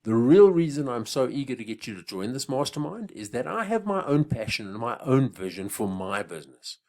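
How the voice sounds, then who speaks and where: A man, a business coach delivering a scripted sales pitch that builds up to each price drop. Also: sing-song, a little fast, darkish tone. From Africa. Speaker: business coach selling an online course.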